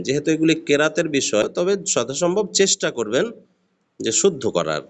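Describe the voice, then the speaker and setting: A man with a Bangladeshi Bengali accent, giving a patient recorded lesson on reading Arabic letters and sounding them out one by one. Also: mid-range voice. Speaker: Arabic alphabet teacher.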